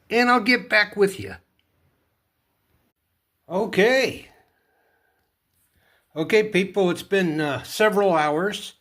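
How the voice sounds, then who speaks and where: A man hosting a DIY repair video narrates the hands-on work casually, talking himself through every step in a folksy, playful way. His voice sits on the high side and is fairly bright.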